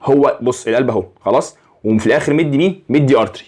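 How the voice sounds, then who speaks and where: Fast-talking Egyptian anatomy tutor. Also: male voice, mid-range voice, a little mellow. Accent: Egyptian Arabic. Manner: rapid, conversational, constantly checking understanding with rhetorical questions. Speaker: anatomy lecturer. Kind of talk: casual Egyptian Arabic lecture.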